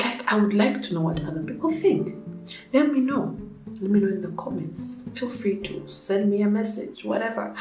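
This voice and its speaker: A woman's voice: mid-range voice, a little mellow, roomy sound, poor audio. A young woman who is sick and whose voice is off rants bluntly and profanely in a casual opinion vlog. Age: young adult. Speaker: vlogger.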